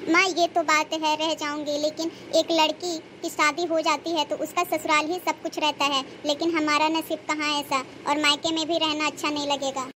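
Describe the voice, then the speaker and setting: A sorrowful childless young wife. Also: female voice, high voice, level tone, moderate pace, hardly any pauses, pushed and bright, a little hiss or hum. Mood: sad, resigned. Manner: tearful, resigned pleading. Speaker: cartoon character.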